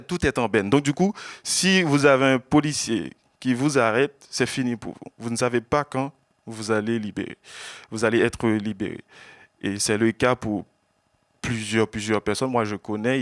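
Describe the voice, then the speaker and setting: Earnest man, low voice. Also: dry recording. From Haiti. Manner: earnest, measured, often halting to repeat words. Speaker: exiled journalist speaking at an event. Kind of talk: personal testimony to an audience.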